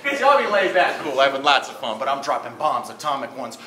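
A man's voice: mid-range voice, very animated, fairly quick. A man from Arizona spitting a taunting, punchline-driven battle rap verse in front of a crowd. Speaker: battle rapper. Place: barbershop event space. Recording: echoey room with a loud crowd. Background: crowd reacting.

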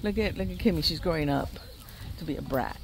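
Deep, creaky and a little mellow, an older woman's animated voice moves fairly quickly as she vlogs on a park walk. She chats casually, a touch breathless, and speaks baby talk to her dog over background noise from her outdoor phone recording.

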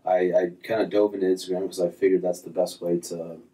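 A fast-talking man in his thirties with a deep voice, a golf instructor, is the guest in a casual interview set in a small office lined with framed diplomas. His talk is relaxed and rambling, with frequent fillers and restarts. The mic is distant and the recording is low quality.

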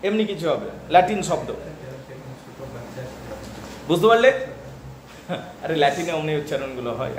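A man with a Bengali accent teaching English literature in a classroom lecture, often pausing to check that students follow. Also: sits high, roomy sound.

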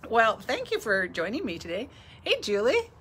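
A woman's voice: a little high, wildly swooping pitch, moderate pace, fairly bright tone, a little hiss or hum. Chatty woman hosting a live stream. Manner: chatty, laughs often, greets viewers by name. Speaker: bead store owner hosting a live stream. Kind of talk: casual live-stream chat.

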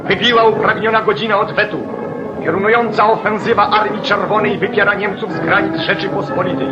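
A man delivers old newsreel narration in a rousing, commanding declamatory style. His voice sits high for a man. The 1940s soundtrack is dull and muffled, with clear music running beneath him. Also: steady tone, brisk.

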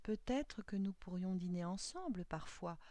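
A bold young village woman in a storybook tale, voiced by a woman narrator. She speaks in a lively, mocking way with a voice that leaps up and down. Close, dry sound. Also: medium pitch, measured pace, no room sound, lightly acted. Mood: gentle.

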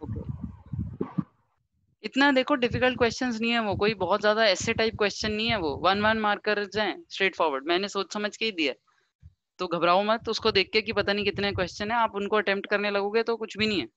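A woman's voice: mid-range voice, a bit bright, no room sound, lo-fi sound. A woman teacher running an online class over a video call, explaining step by step and mixing Hindi with English. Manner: reads through an attendance list briskly.

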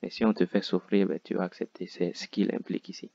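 Man, deep gravelly voice, flat slow delivery, repeats words, dull dry recording. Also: dry recording. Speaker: Japanese teacher. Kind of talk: explaining game dialogue line by line.

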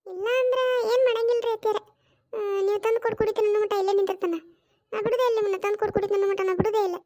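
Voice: very high-pitched, fairly even intonation, racing, darkish tone. A performer voicing a young daughter-in-law in a cartoon comedy skit who coaxes and insists in a North Karnataka Kannada accent. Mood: coaxing. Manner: coaxing and insistent, repeats pleas.

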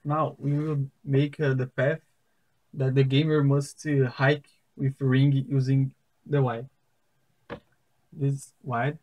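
A young man with a Brazilian Portuguese accent, a native Portuguese speaker, explains a simple circuit step by step in careful, halting English at a wooden table indoors. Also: medium pitch, level tone, a little mellow, low-quality recording. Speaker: science fair project demonstrator.

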